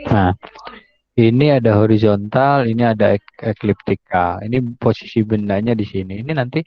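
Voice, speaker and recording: A man's voice: fairly low pitch, fairly even intonation, moderate pace, highs cut off. A man lecturing an online class over a video call whose audio keeps breaking up as he explains a diagram step by step. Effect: choppy, breaking-up call audio.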